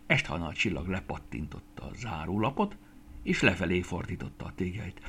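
A man narrating a children's fairy tale in a gentle, expressive reading voice. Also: low voice, husky. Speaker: storyteller.

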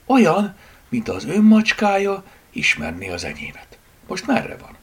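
A man voicing an impatient, anxious young woman in an audiobook, speaking in sharp, raised exclamations with a gravelly edge. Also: high-pitched, wildly swooping pitch, voice pushed up, exaggerated voice.

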